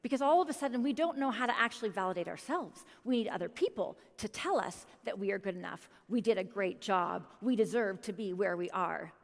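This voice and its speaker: A woman in her thirties giving a motivational keynote speech, animated and quizzing the audience directly. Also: medium pitch, fairly quick, vocal fry, few pauses. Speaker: keynote speaker. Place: conference hall stage. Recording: long reverb of a large hall.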